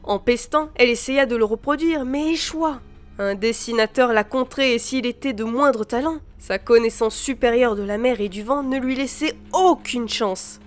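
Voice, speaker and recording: Narratrice de livre audio à voix aiguë. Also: female voice, on the high side, normal speed. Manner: expressive reading. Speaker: audiobook reader. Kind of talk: storybook narration. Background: soft background music.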